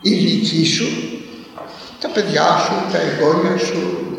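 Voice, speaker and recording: A man's voice: fairly high pitch, steady tone, creaky, a bit bright. An older man from Corfu giving a sermon, telling stories and stacking up repeated lists of words. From Corfu, Greece. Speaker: preacher. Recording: very echoey hall, voice from far off.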